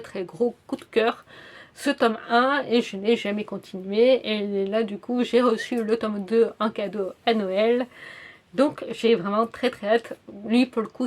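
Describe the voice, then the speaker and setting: Chatty young French-speaking woman vlogger. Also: mid-range voice. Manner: chatty, frequent "euh" fillers and self-corrections. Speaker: book YouTuber. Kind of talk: casual book review vlog.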